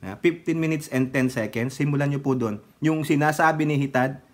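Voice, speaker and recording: A man's voice: fairly high pitch, fairly quick. A man from the Philippines giving casual political commentary, mocking his targets, laughing often and using polite fillers.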